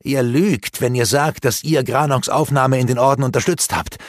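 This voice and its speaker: A man's voice: moderate pace, dry recording, studio quality, lightly acted. A man voicing an earnest young female elf who pleads urgently in an audiobook. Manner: urgent, pleading, raised pitch.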